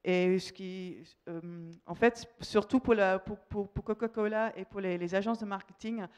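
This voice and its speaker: A woman's voice: medium pitch, steady tone, unhurried, a little mellow. A woman from the Netherlands with a Dutch accent, giving a conference presentation in a hesitant way, often repeating words mid-phrase. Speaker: company representative, conference speaker.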